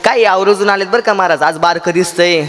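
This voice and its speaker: A man preaching a devotional kirtan sermon in a festival pandal, building long rhythmic lists that rise to shouts and breaking into chatty asides to the crowd. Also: high voice, fast. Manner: chatty asides to audience and children.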